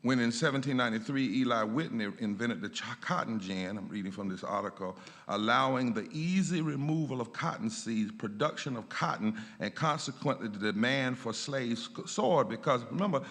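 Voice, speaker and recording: A man, a pastor, giving a lecture in a church, emphatic and rising in pitch on key points. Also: a bit bright. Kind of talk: lecture with a preaching cadence. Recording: long church reverb.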